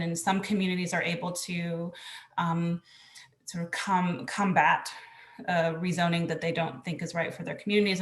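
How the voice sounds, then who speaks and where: A woman's voice: on the low side, gravelly, reverberant. An American woman resident asking a thoughtful, hesitant question in a public meeting.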